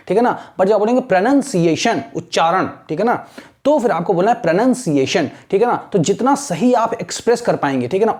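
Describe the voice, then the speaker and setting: A man teaching a lecture in Hindi mixed with Indian-accented English, slowing down deliberately on English lines to model pronunciation. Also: sits high, a little mellow. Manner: mixes Hindi and English, repeats "ठीक है ना". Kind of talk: classroom lecture.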